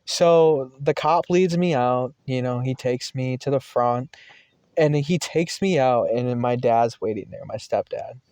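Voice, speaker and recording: Young adult man, casual storyteller, mellow dark voice, dry close sound, rambling delivery with lots of fillers. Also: mid-range voice, a little slow, clean tone, dry recording. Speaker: vlogger.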